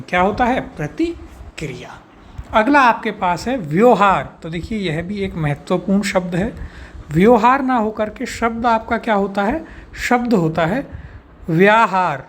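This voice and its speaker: An Indian Hindi teacher with a high voice leads a spelling lesson for an exam course. He goes through the words one at a time, posing rhetorical questions before revealing each answer.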